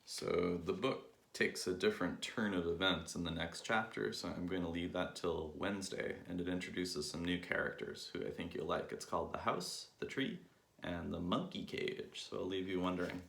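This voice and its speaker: A man reading a children's book aloud with lively, expressive storytelling, in an echoey room. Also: low-pitched, normal speed, creaky. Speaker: reader.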